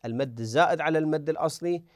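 A man's voice: fairly high pitch, very fast, no echo, studio quality. A man teaching a tajweed lesson who speaks patiently, repeats words and drills the examples aloud. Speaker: Quran recitation teacher.

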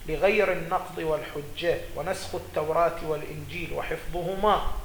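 A man's voice: a little high, fairly bright tone, a little hiss or hum. Man lecturing on religious law. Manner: reads quoted texts aloud then explains them, with some restarts. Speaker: religious scholar teaching jurisprudence. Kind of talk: seminary lecture reading and explaining texts. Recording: echoey room with faint ambience.

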